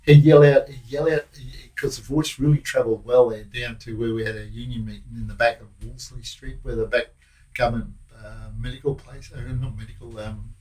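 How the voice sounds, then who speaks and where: Older man, Australian accent, former prison guard, rambling storyteller, average pitch. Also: steady tone, a little fast, dark tone, rough recording. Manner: rambling, broken anecdotes with many restarts. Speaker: guest, former prison officer. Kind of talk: casual recollection.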